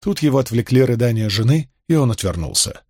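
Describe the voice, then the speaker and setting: A man's voice: medium pitch, normal speed, no echo. Man narrating a historical novel, dry sound. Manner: steady storytelling. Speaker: audiobook narrator.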